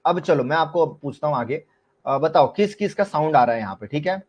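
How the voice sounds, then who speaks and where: A man with an Indian accent teaches a live online class, mixing Hindi with English terms and often stopping to quiz his students. His voice sits fairly high for a man. The sound is somewhat dull and lo-fi. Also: lively intonation, a little fast, slightly rough. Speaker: shorthand teacher.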